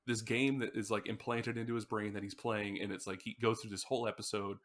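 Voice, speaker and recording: Speaking fast in a fairly low, level voice with a bit of brightness, a man co-hosts a podcast about an album. His storytelling wanders loosely, and he acts out screams along the way.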